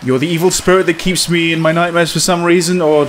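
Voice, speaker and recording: A man's voice: on the high side, steady tone, quick pace. A man giving casual, wry and bemused gameplay commentary. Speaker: game streamer.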